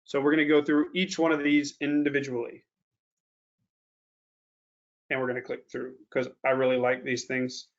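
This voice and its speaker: A man presenting a software tutorial webinar, talking casually with many fillers and slowing down to stress warnings. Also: medium pitch, monotone. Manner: casual, lots of ums and restarts, slows down to stress warnings. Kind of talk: screen-share software tutorial. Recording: dull lo-fi webinar audio.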